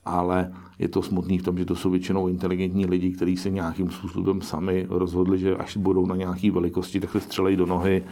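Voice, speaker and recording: A man's voice: deep voice, completely flat delivery, few pauses, warm tone. A middle-aged man answering interview questions as an investor, talking in a pragmatic, musing way with frequent restarts. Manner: pragmatic, musing, self-correcting.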